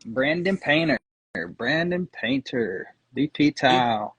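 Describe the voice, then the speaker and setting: Husky-voiced man, dry close sound. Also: on the high side, expressive, takes it slowly, fairly bright tone, no echo. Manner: laughs often, swears casually. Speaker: livestream co-host. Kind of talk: casual livestream banter.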